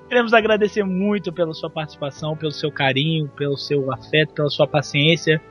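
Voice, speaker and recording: A man hosting a casual podcast, joking around with sudden high exclamations. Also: fairly even intonation, fairly quick, highs cut off, faint music behind. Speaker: podcast host.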